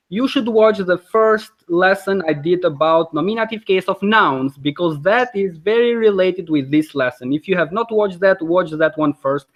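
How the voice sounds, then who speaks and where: A man's voice: high-pitched, dull audio. A man with an Albanian accent teaching a live online language lesson in a friendly, explanatory way, with frequent fillers, over a video call.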